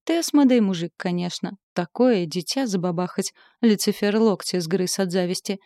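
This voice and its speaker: A woman's voice: medium pitch, normal speed, warm tone, no echo, studio quality, lightly acted. A woman voicing a brash, mocking old female seer who turns out to be a goddess of prophecy, in a spoken story.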